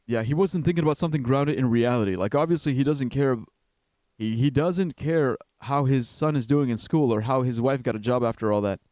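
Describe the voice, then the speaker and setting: A man's voice: mid-range voice, fairly quick, darkish tone, no echo, studio quality. A young man streaming a game, rambling in casual commentary and swearing often. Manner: rambling, profane, says "bro" and "like" a lot.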